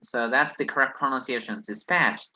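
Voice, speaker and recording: A man's voice: medium pitch, lively intonation, unhurried, bright, forceful tone, lo-fi sound. A man who is not a native English speaker teaches an online lesson, reasoning hesitantly through exercises with many fillers. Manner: hesitant, thinks aloud, many "well"s.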